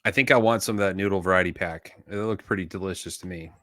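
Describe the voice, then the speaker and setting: A man's voice: deep voice, fast talker, fairly bright tone, dry recording, studio quality. A man co-hosting a knife show in casual chat, rambling and easygoing with lots of fillers.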